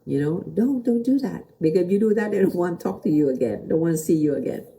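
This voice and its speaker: A middle-aged Vietnamese woman, a host who works as a motivational teacher and pastor, gives a motivational talk in simple, Vietnamese-accented non-native English, repeating short phrases and asking the listener questions. Her voice is fairly low, expressive, quick, creaky, and warm.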